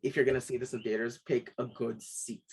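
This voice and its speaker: A man co-hosting a casual film review podcast, animated and quick to act out his own reactions. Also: mid-range voice, a crowd in the background, poor audio. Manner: animated, puts on voices when quoting himself.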